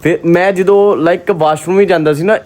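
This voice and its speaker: A man with a Pakistani Punjabi accent chatting casually to his vlog viewers, expressive and often repeating himself. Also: high-pitched, normal speed. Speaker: vlogger.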